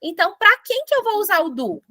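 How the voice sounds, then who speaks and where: High-voiced Brazilian woman teaching English. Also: a little fast, dry recording, clean studio sound. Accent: Brazilian Portuguese. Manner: playful, animated explaining with jokes. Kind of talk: classroom grammar lesson.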